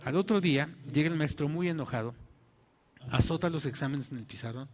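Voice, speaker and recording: A man with a Mexican accent, a pastor preaching a sermon and telling a personal story in an animated way, acting out the voices in it. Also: a little high, brisk. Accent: Mexican Spanish.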